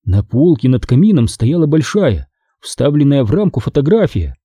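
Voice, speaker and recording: A man's voice: mid-range voice, sing-song, moderate pace, mellow, husky, no echo, clean studio sound. A man narrating a first-person audiobook expressively.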